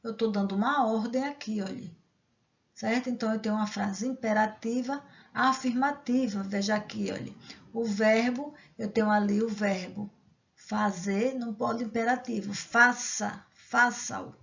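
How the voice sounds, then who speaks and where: A woman's voice: fairly high pitch, normal speed, creaky, dull audio. A woman teacher explaining grammar step by step, reading example sentences and checking in with the class. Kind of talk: grammar lesson.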